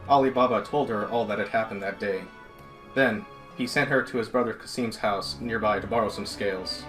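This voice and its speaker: Guy reading a folk tale, low voice, plain and steady. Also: a little fast, faint music behind, rough recording. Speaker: storyteller. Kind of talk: storybook reading.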